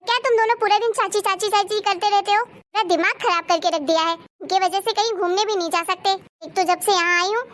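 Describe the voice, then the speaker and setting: A young aunt from a cartoon story, newly married into the family, voiced by a woman. She talks in a sharp-tongued, complaining way. Her voice is high. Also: fairly even intonation, a little fast. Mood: resentful. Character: young aunt, new bride, turns resentful and harsh. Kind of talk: cartoon voice acting.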